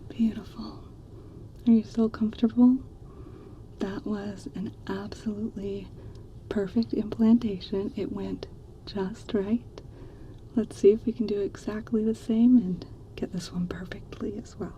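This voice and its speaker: Woman doing whispered role-play ear cleaning asmr, gentle clinician, really dark soft voice, slow, kinda muffled. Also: mid-range voice, fairly even intonation, slight background noise.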